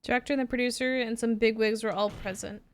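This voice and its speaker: A woman's voice: a little high, fairly even intonation, fast talker, lightly acted. A woman voicing an earnest young male defense lawyer from a video game, with an insistent manner. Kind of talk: reading video game dialogue aloud. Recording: music playing behind the voice.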